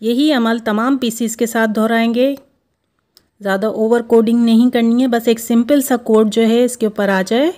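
Woman, fairly high voice, steady recipe narration, home kitchen. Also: normal speed. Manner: steady, instructive, repeats steps. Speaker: cooking show host.

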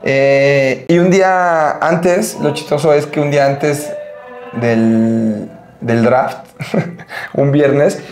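A young man with a Mexican accent, a podcast guest telling a story in a casual, lively way, full of filler tags. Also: mid-range voice, extremely slow, echoey room. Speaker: podcast guest, American football player.

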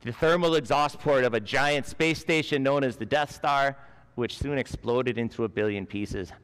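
A man in his forties delivers a school chapel sermon in an earnest storytelling manner, on a headset mic. His voice sits at an ordinary middle pitch. It rings out with the long reverb of a large chapel. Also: normal speed, fairly bright tone, smooth. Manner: earnest storytelling, gesturing with both hands. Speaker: school chaplain preaching. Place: school chapel stage with a lectern.

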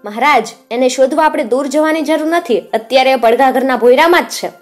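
A woman's voice: high voice, fairly quick, soft background music, voice pushed up, lightly acted. A woman voicing a loyal male bodyguard who answers respectfully and eagerly. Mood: glad.

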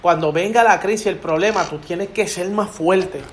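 A man with a high, bright voice tells faith stories in a lively, preachy way. He sounds like he is in an echoey room, with a faint hiss underneath. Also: normal speed. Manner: animated storyteller, preachy, acts out quotes. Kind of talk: casual faith testimony chat. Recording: echoey room with background noise.

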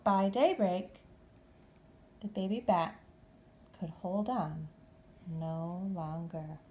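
A woman reading a children's story aloud expressively, with deliberate, dramatic phrasing. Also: on the low side, fairly even intonation, darkish tone, highs cut off, a little hiss or hum. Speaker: storybook reader.

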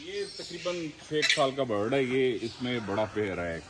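A man in his fifties from Pakistan, a macaw breeder, answering questions calmly and matter-of-factly. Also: medium pitch, unhurried, noisy background. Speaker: macaw breeder, farm owner. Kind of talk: casual interview answers. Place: outdoor bird aviary.

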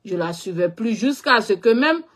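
An expressive, medium-pitched voice at a moderate pace belongs to a social media personality with a West African French accent. In a casual monologue, she openly recounts a personal story, loosely and repetitively, often drifting off into filler.

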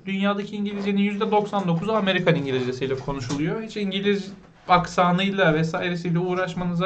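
A man teaching basic English vocabulary, explaining patiently, asking learners questions and pronouncing words slowly. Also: sits high, highs cut off. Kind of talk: vocabulary lesson.

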